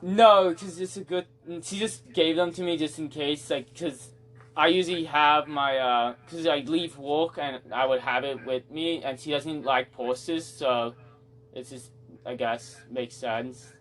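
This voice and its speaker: A man's voice: a little high, steady tone, a little slow, fairly bright tone. A young man co-hosting a podcast, bantering with friends in a joking, defensive way. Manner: defensive, joking, swears and laughs. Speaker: podcast co-host. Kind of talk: casual banter among friends.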